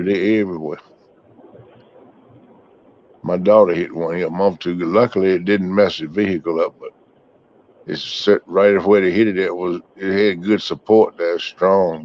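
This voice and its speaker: A man's voice: sits low, a little hiss or hum. A middle-aged man, casually chatting with his livestream viewers in a rambling, folksy way. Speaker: livestream host. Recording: muffled, dry.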